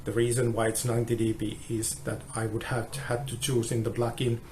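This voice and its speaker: Man on a noisy, low-quality phone recording. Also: monotone, a little mellow. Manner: halting, with frequent restarts. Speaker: guitar tester. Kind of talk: explaining a measurement test.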